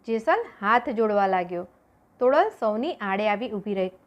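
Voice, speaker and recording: A woman narrating a story aloud for an audiobook with expressive, dramatic delivery. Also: mid-range voice, normal speed, dull audio.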